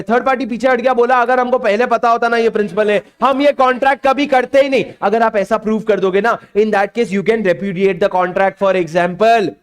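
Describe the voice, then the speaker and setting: A man with a high, smooth voice and an Indian English accent runs an exam revision lecture. He keeps coaxing his class, asking questions again and again and pushing them to answer. His voice sounds clean and resonant. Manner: coaxing, repeats questions to students. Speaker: teacher.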